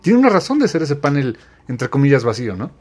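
A man's voice: medium pitch, sing-song, fast talker, darkish tone, husky, soft background music. A man co-hosting a casual comic book podcast in a bantering, playful way. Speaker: podcast co-host.

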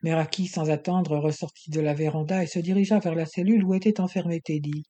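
An audiobook narrator reading a novel in a steady, even storytelling manner. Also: mid-range voice, fast. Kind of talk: scripted narration.

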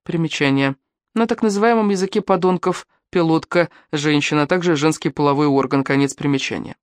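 A woman narrating an audiobook with an even, clear reading. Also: low voice, brisk, dry recording.

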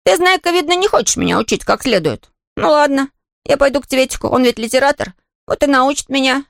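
A narrator voicing a cheeky, lazy little boy in a storybook reading, coaxing and flattering. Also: fairly quick, creaky, no echo, studio quality, heavily acted. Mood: pleading. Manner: coaxing, flattering, high and boyish.

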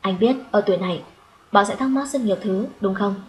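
A woman reading the part of a gentle, kindly man who talks softly and coaxingly to a small child in an audiobook story. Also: mid-range voice, a little fast, slight background noise, natural voice, low-quality recording.

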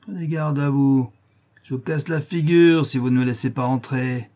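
A man's voice: medium pitch, normal speed, warm tone, voice pushed up, close to an everyday voice. A man voicing a drunken, lame, brutish male neighbor who bellows threats in a slurred voice. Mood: menacing.

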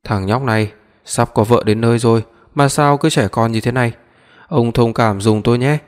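A man reading the lines of a calm older father in an audiobook, in a soothing, placating way, with a long reverb behind his voice. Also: medium pitch, moderate pace, natural voice.

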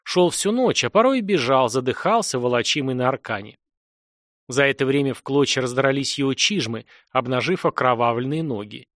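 Male audiobook narrator, animated delivery, dry booth. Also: mid-range voice, brisk, no room sound. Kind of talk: scripted dramatic narration.

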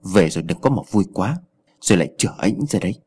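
An arrogant old village chief snarls threats and insults, voiced by a man reading a storybook. The voice is husky and low, and it lurches up and down with wide swings. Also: lively intonation, fast talker, a little mellow. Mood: furious.

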